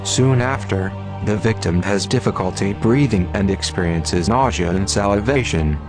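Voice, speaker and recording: Disguised deep male voice over music. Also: moderate pace. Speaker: anonymous narrator of an online message. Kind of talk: scripted read-out statement.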